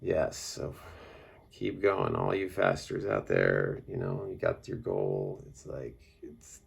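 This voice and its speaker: A man's voice: a bass voice, big pitch swings, takes it slowly, creaky, breathy edge. A man talking casually in a personal vlog, rambling and reflective with lots of fillers. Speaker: vlogger on a water fast.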